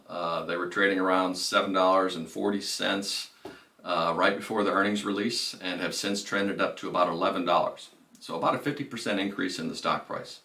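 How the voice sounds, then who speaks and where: Low and sharp-toned, this male presenter delivers businesslike financial commentary while leaning informally on key phrases. The microphone is far off and the room echoes.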